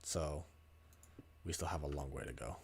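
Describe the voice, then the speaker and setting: A man's voice: extremely low pitch, normal speed, creaky, slightly rough. A man streaming a video game, chatting casually, muttering and swearing as he plays. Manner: mutters and swears while playing. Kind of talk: casual gaming livestream chat.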